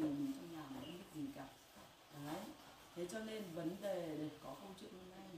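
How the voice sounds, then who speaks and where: A grieving middle-aged woman speaks in a pained, insistent way and keeps circling back to the same points. She is heard from some distance off the mic in an echoey room. Loud background noise runs under her voice. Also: lowish voice. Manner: pained, insistent, repeats herself. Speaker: grieving mother. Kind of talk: emotional family confrontation.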